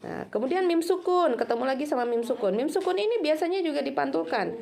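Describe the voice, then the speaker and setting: A woman teaching students Quran recitation, speaking patiently and slowly drawing out each sound to demonstrate it. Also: high-pitched, expressive, gravelly, darkish tone, slight background noise. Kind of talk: recorded lesson for students.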